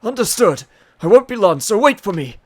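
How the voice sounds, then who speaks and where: A man's voice: sits high, sing-song, a little fast, pitched above the performer's own voice. A man voicing a stubborn, anxious elderly father in video game dialogue, urgent and pleading. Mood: anxious, determined. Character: spry, anxious, stubborn old Japanese father. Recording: music behind the voice.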